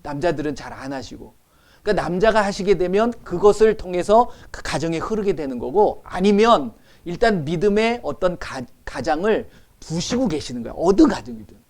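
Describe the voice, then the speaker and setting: Animated preaching man, fairly high voice. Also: moderate pace. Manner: animated, asks the congregation rhetorical questions; swings between loud emphasis and quiet asides. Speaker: pastor. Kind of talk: sermon.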